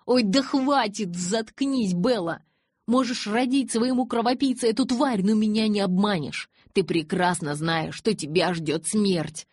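A woman reading the lines of a hot-tempered, desperate young man in an audiobook, loud and insistent. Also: fairly low pitch, moderate pace, slightly rough, no echo, studio quality. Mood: angry. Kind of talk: audiobook character voice.

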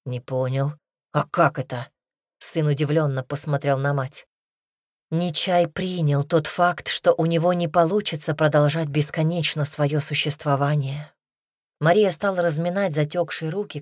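A woman narrating an audiobook in a measured, even storytelling manner, close to the mic. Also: sits low, no echo. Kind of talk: scripted narration.

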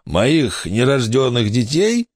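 A man's voice: sits high, very animated, unhurried, a little mellow, no room sound, studio quality, pitched above the performer's own voice. A man voicing a boastful, easily scared adult pirate with a raised, blustering voice in an audiobook. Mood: rattled. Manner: blustering, threatening. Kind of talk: audiobook character voice.

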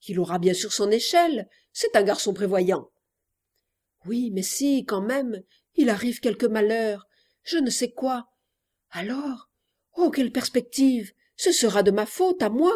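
Impulsive teenage girl in a verse monologue, read by a woman, theatrical and declaiming, higher voice. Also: expressive, unhurried, a little mellow. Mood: anxious. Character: impulsive seventeen-year-old girl eager to elope.

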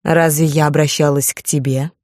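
A woman's voice: deep voice, level tone, normal speed, a little mellow, dry recording, studio quality, lightly acted. A woman voicing a stern, haughty aristocratic viscountess who speaks in a cold, clipped, commanding way. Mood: severe.

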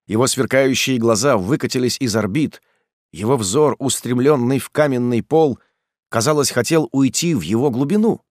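A man narrating an audiobook in a measured, dramatic reading. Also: mid-range voice, darkish tone, no room sound, clean studio sound. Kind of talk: scripted narration.

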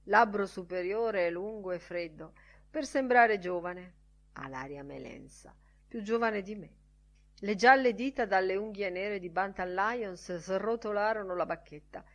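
A woman reading a literary audiobook aloud in a musing, expressive way. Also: mid-range voice, measured pace, dull audio. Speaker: audiobook reader.

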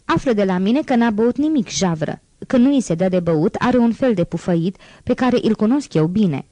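A woman voicing a gruff angry peddler man. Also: medium pitch, lively intonation, mellow, no echo, natural voice. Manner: rough and insistent.

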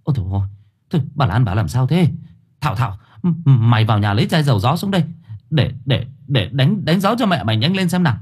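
A man's voice: mid-range voice, very animated, a little mellow, husky, pitched above the performer's own voice. Man doing a flustered bossy neighbor woman. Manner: hurried, stumbling orders.

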